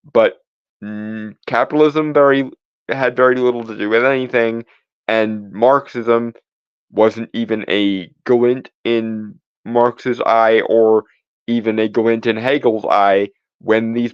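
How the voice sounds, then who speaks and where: Rebutting a reading with emphatic lecturing, a man co-hosting a podcast offers argumentative commentary and keeps restarting phrases mid-argument. His mid-range voice is smooth, and the lo-fi recording carries no echo.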